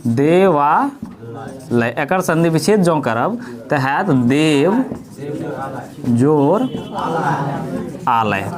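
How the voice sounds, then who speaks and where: Man teaching grammar, slightly high voice. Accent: Maithili. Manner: explains step by step, asking and answering his own questions. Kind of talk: grammar lesson for school students.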